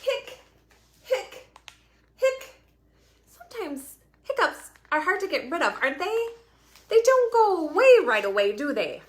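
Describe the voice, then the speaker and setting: A woman's voice: extremely high pitch, sing-song, normal speed. A woman children's librarian hosting a virtual storytime, talking in a sing-song, coaxing way and asking young children questions. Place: at home. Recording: roomy echo.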